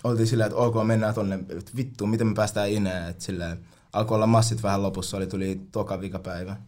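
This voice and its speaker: A man's voice: on the low side, fairly even intonation, darkish tone. A young man telling party stories in casual chat, full of slang and swearing, often mimicking other people.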